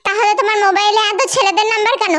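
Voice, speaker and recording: A woman's voice: very high voice, steady tone, loud music behind the voice. A woman doing a comedic fan dub, voicing several characters, scolding and exclaiming. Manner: scolding, exclaiming, quick to laugh.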